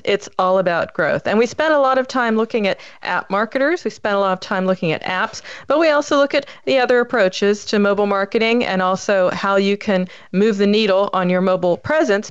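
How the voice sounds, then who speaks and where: Chatty woman podcast host, smooth voice. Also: mid-range voice, dry recording, muffled recording. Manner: chatty, repeats words when excited. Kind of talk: casual interview chat.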